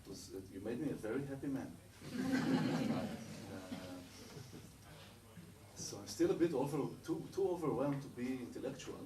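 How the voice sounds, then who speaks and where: A man from Israel, the author of the adapted books, speaking haltingly to an audience after a performance, with many restarts. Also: mid-range voice, big pitch swings. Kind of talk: post-show audience talk. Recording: echoey room from far off, noisy.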